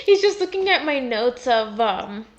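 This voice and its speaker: A woman's voice: fairly high pitch, very animated, a little slow, noisy background. A woman running an online tabletop game as game master, talking in a valley-girl way with lots of "like".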